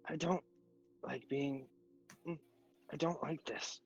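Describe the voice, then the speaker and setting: A man voicing a frightened, confused young girl in a gravelly put-on voice, halting and repeating himself. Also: a little high, muffled recording, slight background noise. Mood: uneasy. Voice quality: attempted gravelly voice.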